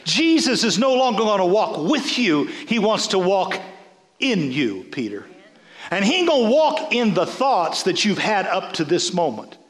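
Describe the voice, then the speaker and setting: A pastor preaching a sermon, telling stories with many stammering restarts. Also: male voice, sits high, unhurried. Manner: storytelling, animated, stammering restarts.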